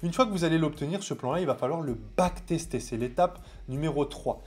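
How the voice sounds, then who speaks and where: Animated French trading coach, man. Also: fairly high pitch, a little fast. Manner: animated, conspiratorial asides, familiar address. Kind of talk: casual direct-to-camera advice.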